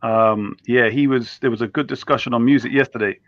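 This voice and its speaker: A man's voice: medium pitch, steady tone, brisk, fairly bright tone, no echo, muffled recording. A man explaining his points assertively in a casual panel debate.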